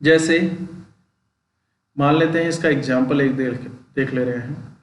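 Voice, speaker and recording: Male teacher, slow patient exam-prep lesson, distant mic. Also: mid-range voice, fairly even intonation. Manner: slow, repeats terms and checks understanding. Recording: echoey room, voice off-mic.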